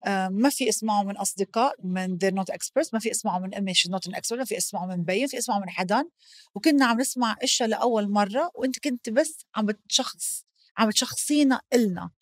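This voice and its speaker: A podcast host with a Lebanese accent talks fast in a medium-pitched voice, heartfelt and emphatic, slipping English phrases into the casual conversation. The sound is clean studio quality with no room sound.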